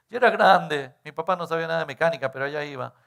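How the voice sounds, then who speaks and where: A man's voice: fairly high pitch, fast talker, creaky, fairly bright tone, clear, resonant tone. A middle-aged male pastor, preaching in a conversational way and often tagging on rhetorical questions. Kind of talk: sermon.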